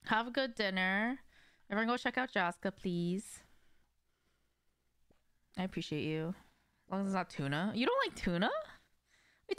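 In a clean, fairly bright voice of medium pitch, a young woman chats with her stream audience while playing a game. The talk is casual and conversational, aimed straight at viewers, from a room in her home.

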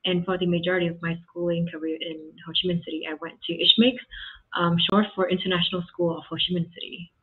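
A young woman from Vietnam, a university student on an advice panel, speaking in a thoughtful, measured way. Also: lowish voice, little pitch movement, husky. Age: young adult. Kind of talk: advice panel on a video call. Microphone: webcam video call. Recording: tinny lo-fi call audio.

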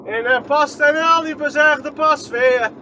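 A man with a Groningen accent and a very high, bright voice rambles through a slow, casual commentary from inside a moving vehicle. He asks himself questions and lets sentences trail off. A faint hum of road noise sits behind him. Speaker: vlogger. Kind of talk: casual running commentary while driving.

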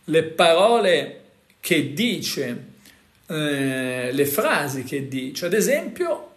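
Chatty man in an echoey room. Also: a little high. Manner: conversational, full of fillers and tag questions. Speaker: host. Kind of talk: casual explanatory talk to viewers.

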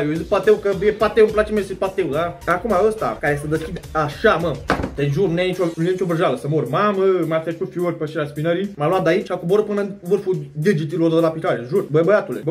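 A young man doing a casual food taste-test vlog at home, joking and exaggerating as he talks straight to his viewers. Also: high voice. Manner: joking, exaggerated, slangy, addresses viewers directly. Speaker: vlogger. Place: at home indoors.

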